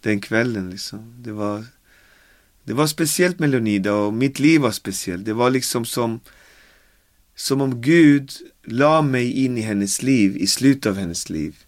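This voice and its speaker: A man's voice: medium pitch, no room sound. Mid-40s guy from the caribbean telling his story at home, lots of fillers, acting out quotes, dry close sound. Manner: animated retelling with acted quotes and many fillers. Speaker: interviewee. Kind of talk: casual storytelling. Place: home with dogs.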